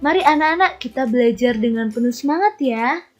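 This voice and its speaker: A woman's voice: sits high, expressive, brisk. A woman primary school teacher giving an online lesson to young children, encouraging them and asking them to pay attention. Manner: encouraging, addresses children directly, tag "ya". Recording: lo-fi recording with faint music.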